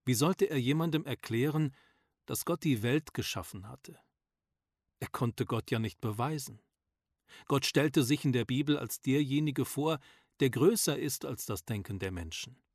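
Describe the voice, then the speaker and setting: A man reading a story aloud as narrator, calm and measured, in scripted audiobook narration. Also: medium pitch, no room sound, clean studio sound.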